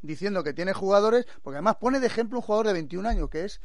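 A man's voice: sits high, lively intonation, fast, no room sound. A man, a blunt, coarse-talking pundit on a sports radio panel. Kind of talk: casual sports radio banter.

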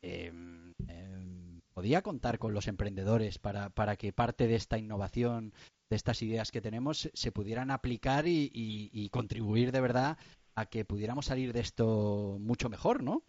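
A man's voice: lowish voice, normal speed, darkish tone, no room sound, dull audio. A male radio host asking a guest questions in a chatty, teasing way. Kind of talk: radio interview.

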